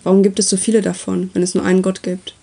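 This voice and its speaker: Calm lecturing god, as a woman reads him. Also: medium pitch, gravelly. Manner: calm, unhurried, explaining. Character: calm, lecturing male god, patient and wry.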